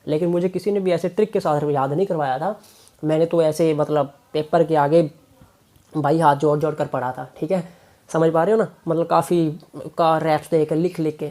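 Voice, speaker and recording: A man's voice: on the high side, a little mellow. A male tutor teaching a chemistry exam lesson, coaxing his students and repeating key points. He mixes English terms into his Hindi.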